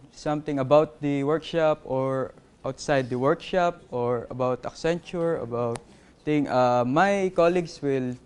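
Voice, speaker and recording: A man presenting a live coding workshop, halting and apologetic, with many fillers. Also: on the high side, a little mellow, smooth. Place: conference workshop room.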